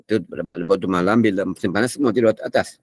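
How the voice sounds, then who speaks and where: An older Malaysian man with a low voice gives a relaxed religious lecture, drifting from point to point and slipping into chanted Arabic. He coughs now and then. The sound is dry and close. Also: fast, dry recording. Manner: chatty and digressive, breaks into Arabic recitation. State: coughing often. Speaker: religious teacher.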